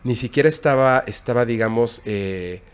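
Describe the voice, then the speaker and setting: Un hombre con acento mexicano narra con calma una historia de terror en una charla informal, con pausas y tono bajo. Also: male voice, mid-range voice, clear, resonant tone. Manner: recounting a scary story, hushed and halting. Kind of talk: casual storytelling.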